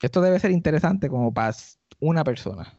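A man's voice: a little fast, no echo. A man with a Puerto Rican accent, a podcast host and stand-up comedian, telling a story in casual comic style and acting out the people in it. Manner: animated, acts out quoted people in high voices. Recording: dry, slightly dull podcast audio.

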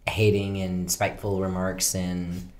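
A young man co-hosting a podcast, chatting casually and telling rambling stories, laughing often and filling pauses with "um" and "like.". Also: sits low, monotone. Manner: laughing, rambling storyteller with many fillers. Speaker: podcast co-host. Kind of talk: casual chat.

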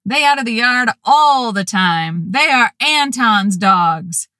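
A woman playing a loud, yelling teenage girl. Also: fairly high pitch, lively intonation, dry recording, heavily acted. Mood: angry. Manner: yelling, drawn-out.

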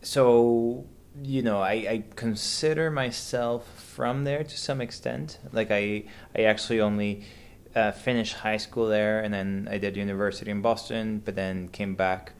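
Unhurried and fairly even in intonation, a man in his thirties from Venezuela talks casually as a podcast guest. His pitch is on the low side, and his hesitant speech is full of fillers and restarts.

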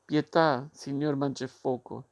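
A man's voice: mid-range voice, steady tone, unhurried, creaky. A man reading aloud and voicing a frightened wooden boy puppet who pleads tearfully. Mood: pleading. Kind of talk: audiobook reading.

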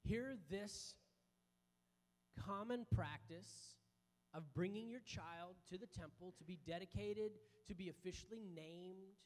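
A man's voice: high-pitched, takes it slowly. A man preaching a sermon in an informal, conversational way, speaking directly to his congregation in a large hall. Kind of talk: sermon to a congregation with children, with call-and-response. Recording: long hall reverb.

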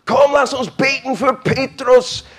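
Man playing excited early Christians at prayer, shrill, high, sing-song. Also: measured pace, breathy edge, full character voice. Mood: fervent.

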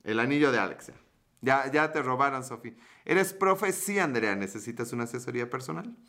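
A man's voice: medium pitch, animated, fairly quick, pushed and bright. Joking Mexican man in his thirties. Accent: Mexican Spanish. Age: 30s. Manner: joking, playful, chatty storytelling. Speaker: livestream host. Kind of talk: casual livestream chat reading comments.

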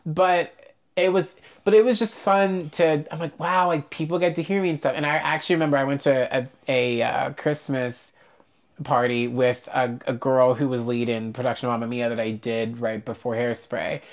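A man from Pittsburgh who sings and teaches voice talks as a podcast guest. He tells anecdotes with animation, stopping and restarting his sentences as he goes. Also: medium pitch. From Pittsburgh, Pennsylvania. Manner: animated, self-interrupting, quick restarts. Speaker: singer and vocal instructor, podcast guest. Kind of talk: casual conversational storytelling.

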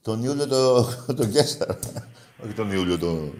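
A man's voice: fairly low pitch, animated, darkish tone, reverberant, slight background noise. Teasing, crude-talking male radio host. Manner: teasing and crude, mocks callers. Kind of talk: casual call-in banter.

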